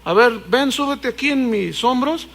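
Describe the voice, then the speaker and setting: A preacher voicing a boastful tightrope walker who shouts challenges at a crowd. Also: male voice, very high-pitched, lively intonation, normal speed, vocal fry, exaggerated voice. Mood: challenging.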